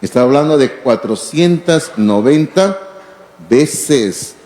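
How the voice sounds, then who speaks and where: A man preaching a sermon as pastor, emphatic, slowing down to stress key words and asking rhetorical questions. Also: mid-range voice, expressive, warm tone. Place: church hall. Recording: echoey hall.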